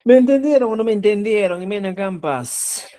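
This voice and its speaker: A woman teaching a live online language lesson. She explains patiently, repeats example words slowly and keeps checking in with her students. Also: mid-range voice, animated, dark tone.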